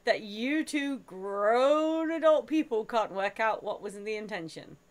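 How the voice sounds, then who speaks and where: A woman's voice: a little high, animated, measured pace. Teasing chatty woman streamer. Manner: teasing, chatty, laughs often. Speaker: streamer host. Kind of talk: casual stream chat.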